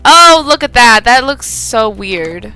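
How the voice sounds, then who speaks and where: A woman with a fairly high voice gives casual gameplay commentary. She thinks aloud as she goes, in an excitable way. Music plays clearly behind her. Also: takes it slowly, low-quality recording. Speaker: gaming video host.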